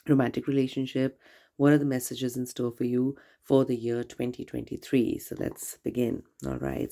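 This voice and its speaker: Gravelly-voiced woman reading tarot. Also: very deep voice. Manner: gentle, reassuring, speaks straight to the viewer. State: nasal from a cold and congestion. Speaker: tarot reader. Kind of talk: casual tarot reading to camera.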